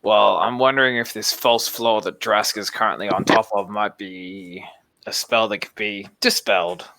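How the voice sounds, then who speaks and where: Bright-toned man asking questions at the table. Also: lowish voice, fairly even intonation, moderate pace, vocal fry, dry recording, rough recording. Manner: questioning, many fillers. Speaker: player. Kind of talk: casual tabletop game chat.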